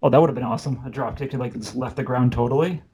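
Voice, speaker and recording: A man's voice: mid-range voice, rapid-fire, dark tone. A man hosting a podcast in casual chat, joking and rambling with side notes. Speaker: podcast host.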